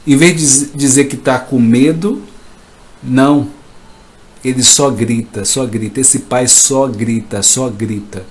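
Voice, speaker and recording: A man giving a live motivational talk as a coach, emphatic and repetitive, sometimes acting out shouts. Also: mid-range voice, fairly even intonation, takes it slowly. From Brazil.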